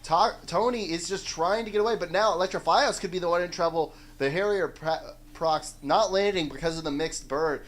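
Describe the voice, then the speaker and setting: A man casting a live esports match play-by-play, excitable and rising to shouts on big plays. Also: sits high, brisk, few pauses.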